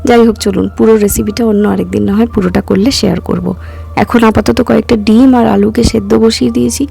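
A woman in her thirties, hoarse from a cough, chatting casually as a vlogger and walking viewers through each step. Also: fairly high pitch, fairly even intonation, fairly quick, dark tone, faint music behind. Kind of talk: casual vlog narration.

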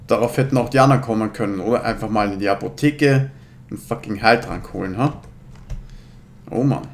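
A man's voice: fairly low pitch, a little fast, vocal fry, slight background noise. A man in his thirties commenting casually on a game in slangy, laid-back talk, slightly slurred by new braces. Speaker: let's player.

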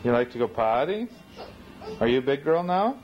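Through a camcorder mic, a man filming his family chats casually with a toddler, asking playful, coaxing questions. His medium-pitched voice is sing-song and moderately paced, and the 1990s camcorder audio is muffled and noisy.

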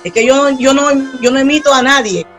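A salsa singer with a Peruvian accent from Lima and a strong, powerful voice, chatting freely in an interview with many restarts. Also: female voice, sits high, brisk, faint music behind. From Peru. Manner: chatty, with frequent restarts and fillers. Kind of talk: casual interview chat.

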